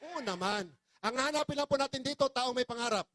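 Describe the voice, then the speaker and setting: A man's voice: very high voice, expressive, fairly quick, pushed and bright, dry recording. A man from the Philippines giving an impassioned, pleading testimonial to an audience as a business presenter, very polite and emotional.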